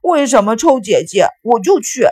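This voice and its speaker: A woman voicing an excitable, whiny young boy who is the little brother, speaking high and pleading. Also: moderate pace, lightly acted. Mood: whiny, excited.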